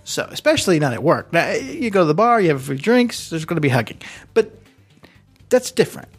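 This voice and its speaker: His voice is a little high and husky, with big pitch swings and a fairly quick pace. He's a podcast co-host casually spinning a long, wandering story, pausing for asides and fixing his own words, over soft background music captured through a computer-connected studio microphone.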